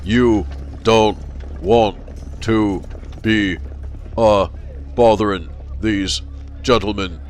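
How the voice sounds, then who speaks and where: An actor playing a sinister, possessed constable with a monotonous, expressionless, rattling voice. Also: male voice, lowish voice, very slow, long pauses, slight background noise, voice pushed up. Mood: menacing.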